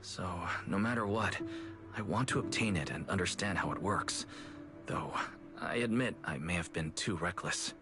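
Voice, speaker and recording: A calm young proxy. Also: male voice, deep voice, moderate pace. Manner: calm and gentle. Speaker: game protagonist. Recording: game cutscene voice over music.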